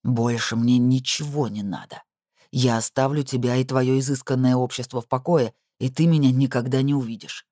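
A man's voice: mid-range voice, fairly even intonation, moderate pace, warm tone, no room sound, clean studio sound, natural voice. A man voicing a desperate, hot-tempered ex-convict man who makes curt demands. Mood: demanding.

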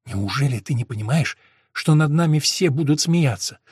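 A man voicing a defiant, angry wife in a marital quarrel, indignant and pleading, his voice rising into shouts. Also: fairly high pitch, expressive, moderate pace, husky, dry recording, studio quality.

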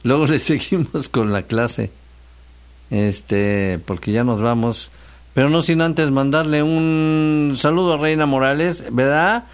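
A man's voice: fairly high pitch, takes it slowly, clear, resonant tone. A man with a Mexican accent hosting a radio show, chatting casually and joking as he explains a spelling rule.

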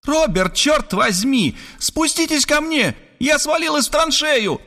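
A man's voice: very high voice, animated, unhurried, bright, forceful tone, no echo, studio quality, pitched above the performer's own voice, full character voice. A man reading an audiobook, voicing a brash, bossy grown woman who scolds and commands impatiently. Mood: exasperated, scolding. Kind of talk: audiobook character voice.

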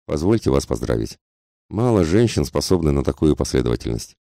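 A man's voice: a bass voice, big pitch swings, a little fast, vocal fry, warm tone, no room sound, clean studio sound, heavily acted. A man voicing a cold, mocking, sardonic aristocrat who speaks in a cutting tone.

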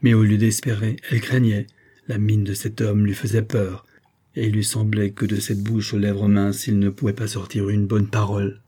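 A man narrating a classic novel in a steady, measured audiobook reading. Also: on the low side, breathy edge.

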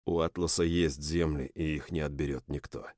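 A man voicing a gruff, impatient warrior who speaks bluntly. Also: very deep voice, steady tone, normal speed, darkish tone, no echo, studio quality, pitched below the performer's own voice.

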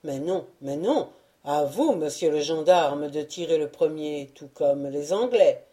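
A woman's voice: low voice, animated, a little slow, warm tone. A woman reading as a cheeky island girl. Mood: teasing.

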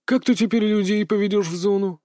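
A man's voice: high voice, fairly even intonation, a little fast, mellow, no room sound, studio quality, pitched above the performer's own voice, natural voice. Man doing a sly, chatty old sorcerer. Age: older. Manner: folksy, chatty, mock-tender. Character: sly cackling old male sorcerer, coaxing and cruel.

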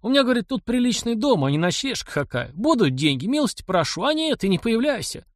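A man's voice: a little high, sing-song, a little fast, a bit bright, dry recording, clean studio sound, pitched above the performer's own voice. Man voicing a weeping old servant. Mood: tearful lament. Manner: plaintive, folksy old-fashioned speech. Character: old male servant, destitute and tearful.

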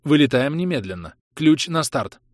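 A man's voice: a little high, big pitch swings, moderate pace, dry recording, clean studio sound, pitched above the performer's own voice. A man voicing a strained woman doctor who speaks curtly under pressure. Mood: commanding. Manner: curt, strained. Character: tense young woman doctor on the edge.

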